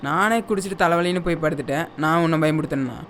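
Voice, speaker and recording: A man's voice: a little high, quick pace, a little hiss or hum, close to an everyday voice. A man playing a dismissive young friend. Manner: dismissive, casual. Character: offhand young man, brushes off fears. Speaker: roommate. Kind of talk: short film acting. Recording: film soundtrack with loud music. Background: film score.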